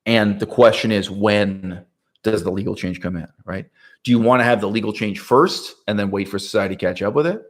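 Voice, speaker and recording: Animated man musing aloud, lowish voice. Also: brisk. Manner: animated, rhetorical, often asks "right?"; laughs often mid-sentence. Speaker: political commentator. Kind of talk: casual monologue.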